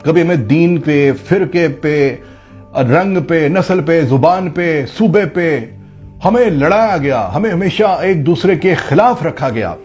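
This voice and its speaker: A man's voice: fairly high pitch, expressive, slow, a little mellow, soft background music. A man from Pakistan giving an impassioned, sarcastic political commentary full of rhetorical questions.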